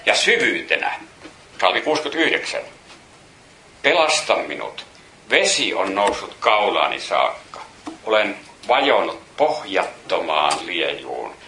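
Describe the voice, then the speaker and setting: A man giving a Bible teaching sermon, reading psalm verses aloud and explaining them in a slow, halting way with restarts, his voice rising when he stresses a point. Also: lowish voice, sharp tone, reverberant, slight background noise. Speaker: preacher.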